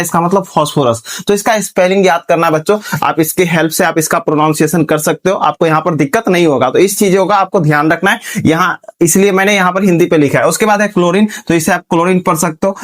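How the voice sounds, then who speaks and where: A male teacher giving a classroom lecture, asking students questions, answering them himself, and spelling words out letter by letter. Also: sits high. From Bihar, India.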